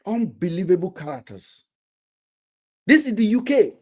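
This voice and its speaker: A man's voice: sits high, very animated, normal speed, a little mellow, slightly rough. A man hosting a casual live stream, talking animatedly and often restarting his words.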